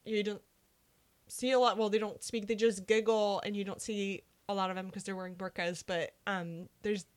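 A woman's voice: mid-range voice, level tone, normal speed. Chatty young woman discussing a film. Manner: chatty, many "like" fillers. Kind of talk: casual movie discussion.

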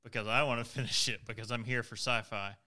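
Guy cohosting a podcast, super bright clear voice, rambly and jokey. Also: medium pitch, fairly even intonation, fast. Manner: joking, rambling. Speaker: podcast co-host. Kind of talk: casual chat.

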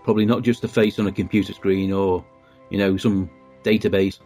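A man's voice: low voice, flat delivery, a little fast, a little mellow, soft background music. A man casually chatting while watching a TV show, making dry, opinionated remarks. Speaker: commentator reacting to a TV show. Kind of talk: casual chat.

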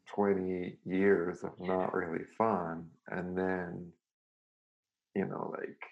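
A man's voice: low-pitched, flat delivery, takes it slowly, vocal fry, muffled recording. A man from Serbia, a guest musician talking reflectively and searching for his words. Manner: thoughtful, searching for words, frequent restarts. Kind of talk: reflective casual conversation.

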